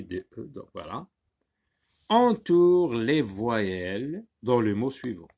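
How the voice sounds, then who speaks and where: A man teaching a spelling lesson for children, slowly and patiently naming letters one by one. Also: medium pitch, creaky, a little mellow, breathy edge.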